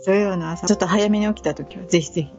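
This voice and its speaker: A woman's voice: medium pitch, racing, a little mellow, muffled recording, soft background music. A woman from northern Osaka with a light Hokusetsu Kansai accent, co-hosting a casual podcast chat and politely agreeing often. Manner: polite, agreeable, frequent backchannels. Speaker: podcast co-host.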